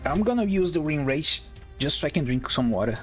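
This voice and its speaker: A man's voice: fairly high pitch, big pitch swings, brisk. A man streaming a game live, reading its dialogue aloud casually and stumbling over words now and then. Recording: faint game music behind.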